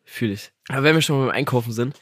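A young man co-hosting a podcast in casual chat, animated and chatty, swearing often and checking that he is understood. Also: mid-range voice, quick pace, breathy edge, no echo, clean studio sound. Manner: animated and chatty, swears, keeps asking "you know what I mean". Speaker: podcast co-host.

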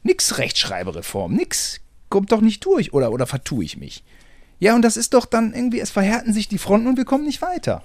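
Man, podcast host, casual chat, slightly high voice, very lively intonation, self-mocking. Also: a little fast, no room sound. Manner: animated, swearing, self-mocking.

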